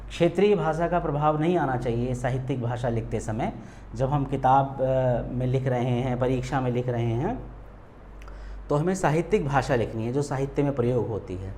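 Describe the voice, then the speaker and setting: A man teaching a patient spelling lesson, saying words slowly and checking in often with his students. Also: mid-range voice, darkish tone, a little hiss or hum.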